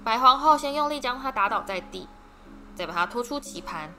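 A woman's voice: fairly high pitch, animated, a little fast. Woman narrating a storybook over music. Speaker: audiobook reader. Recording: background music.

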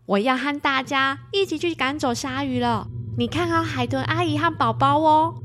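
A woman's voice: high-pitched, moderate pace, a bit bright. A woman voicing a friendly, helpful young dolphin in a children's story. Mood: reassuring.

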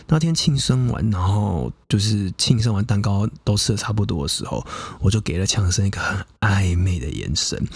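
A young adult man hosts his podcast, his voice low and slightly husky. He rambles through a personal story in a frank, profane, chatty way, stringing thoughts together with fillers. The recording sounds close and dry. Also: darkish tone, dry recording. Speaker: podcast host. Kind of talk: casual first-person storytelling.

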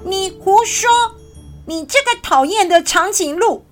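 A woman voicing a small, boastful, quick-tempered hedgehog in a children's story, in a high squeaky voice. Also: sing-song, fairly bright tone, faint music behind, full character voice. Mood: indignant.

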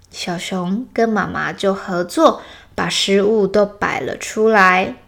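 A woman narrating a children's story in a slow, gentle, clear way. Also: mid-range voice.

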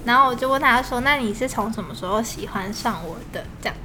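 Talking fast in a higher-pitched voice against background noise, a young podcast co-host with a Taiwanese Mandarin accent shares a story casually, laughing frequently.

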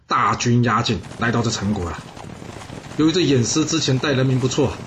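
A man's voice: mid-range voice, a little hiss or hum. A man hosting a storytelling channel, telling a history tale in a chatty way with asides to listeners. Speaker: storyteller host.

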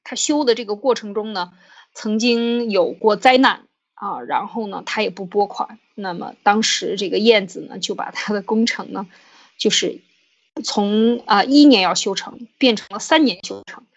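A woman's voice: medium pitch, moderate pace, lo-fi sound. A woman podcast host retelling an old story in casual commentary, full of fillers and restarts, voicing quoted figures in her own voice.

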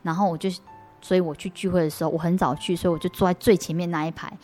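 A young adult woman, an interview guest giving an earnest personal faith testimony, halting and restarting her sentences often. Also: fairly low pitch, steady tone, darkish tone, faint music behind.

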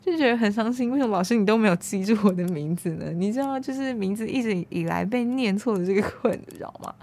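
A woman in her twenties with a Taiwanese Mandarin accent, hosting a podcast and telling a personal story in an animated, exasperated way. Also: medium pitch, fast talker. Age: 20s. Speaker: podcast host. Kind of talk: casual storytelling monologue.

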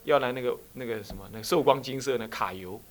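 A Buddhist abbot with a Taiwanese Mandarin accent gives a dharma talk, speaking fast at a medium pitch. He tells stories animatedly and keeps posing rhetorical questions.

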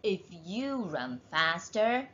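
A woman voicing a proud horse that challenges others in a storybook, in her own bright, slow reading voice. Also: mid-range voice, very animated, lo-fi sound. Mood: challenging.

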